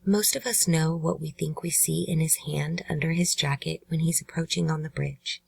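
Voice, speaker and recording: A woman hosting a true crime channel, giving measured, earnest scripted narration. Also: low-pitched, steady tone, gravelly, slightly rough, dry recording, poor audio.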